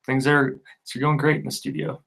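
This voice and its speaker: A man's voice: mid-range voice, little pitch movement, fairly quick, vocal fry, background noise. A man from a band casually chatting on a studio livestream, laughing often and rambling through restarts. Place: recording studio with drums being tracked.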